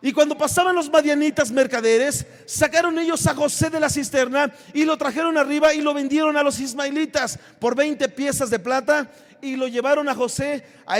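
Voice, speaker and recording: A Mexican man preaching a sermon as pastor, impassioned, swinging from shouts to low asides. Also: in a large hall. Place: church sanctuary.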